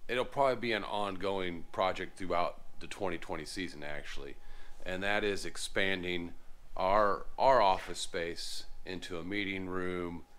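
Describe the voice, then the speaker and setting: A lawn care business owner in his forties gives a casual walkthrough of his garage shop, a large unfinished indoor workshop. He speaks in a low voice at a measured pace, relaxed and plainspoken, with many fillers and restarts, into a camera held at arm's length.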